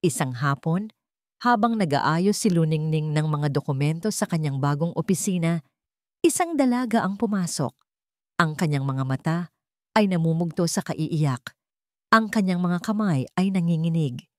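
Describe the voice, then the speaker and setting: A Filipino woman with a low voice narrates a scripted romantic drama for an online story channel, her intonation lively and her pace moderate. Her delivery is earnest and sentimental, like a devoted storyteller. The recording is dry and clean, with studio sound.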